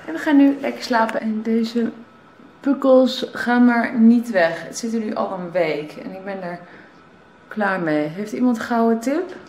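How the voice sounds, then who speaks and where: Holding the camera at arm's length, a young Dutch vlogger from the Netherlands chats casually in an unhurried, slightly high, somewhat mellow voice. Background noise comes through clearly on the handheld camera's audio.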